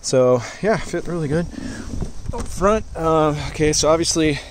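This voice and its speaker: A man giving a relaxed, rambling walkthrough tour of his boat outdoors, talking with many fillers into a handheld camera. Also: a little high, measured pace, a little hiss or hum. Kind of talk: casual walkthrough vlog.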